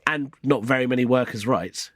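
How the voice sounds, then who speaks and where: A man co-hosting a satirical studio show, sarcastic and deadpan. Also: moderate pace, no echo. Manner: sarcastic, deadpan, sweeping pitch. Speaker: correspondent, co-host.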